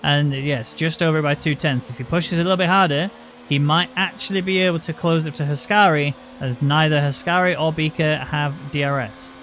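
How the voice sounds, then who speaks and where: A man's voice: a little high, moderate pace, fairly bright tone. A man giving live motorsport commentary, calling the race play-by-play and explaining the moves as they unfold. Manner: running play-by-play with explanatory asides. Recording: muffled, noisy, engine sounds behind.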